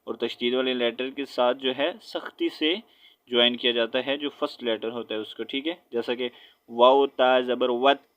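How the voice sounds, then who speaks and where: A man teaching Quran recitation step by step, spelling out letters with their vowel marks and often checking in with his listeners, then chanting verses slowly. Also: medium pitch, steady tone, a bit bright. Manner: switches between quick explanation and slow drawn-out chanted recitation.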